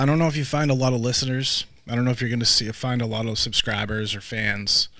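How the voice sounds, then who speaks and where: A man's voice: lowish voice, pushed and bright, dry recording. A man hosting a podcast interview, chatting loosely with lots of fillers and restarts. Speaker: podcast host.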